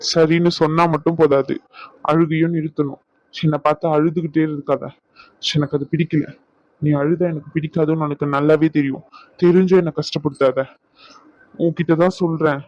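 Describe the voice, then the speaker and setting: A hurt and stubborn young husband, played by a man, speaking in a somewhat high voice and lecturing his wife sternly. The recording is dull and lo-fi, dry and close in an audio drama. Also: darkish tone, dry recording, close to an everyday voice. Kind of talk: Tamil audio drama acting.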